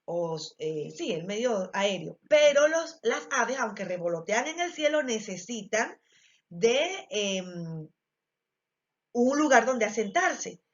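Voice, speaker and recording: A woman's voice: a little high, sing-song, slow. A woman with an Ecuadorian Spanish accent teaching a biology class, explaining step by step with frequent fillers and check-ins to the students. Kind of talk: recorded class lesson. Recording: dull lo-fi recording.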